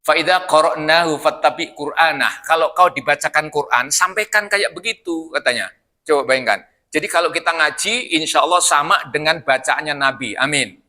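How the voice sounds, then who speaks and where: A man's voice: on the high side, moderate pace, sharp tone. An older man preaching in a mosque, joking with the congregation and firing questions at them. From Indonesia. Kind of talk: sermon.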